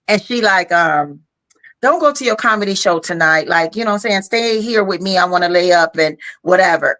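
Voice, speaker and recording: Fairly low in pitch with a fairly bright tone, a female podcast co-host chats casually after a long day, yawning from fatigue. She's frank, talkative, and full of "you know."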